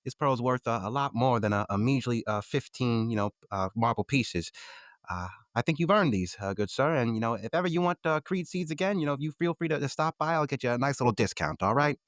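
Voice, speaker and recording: A man voicing a cheerful male seed shopkeeper who talks in a halting, friendly way. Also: mid-range voice, lively intonation, no room sound, pitched above the performer's own voice, close to an everyday voice. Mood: jovial. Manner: cheerful, halting, fond of filler words. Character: jovial male seed shopkeeper Mister Creed.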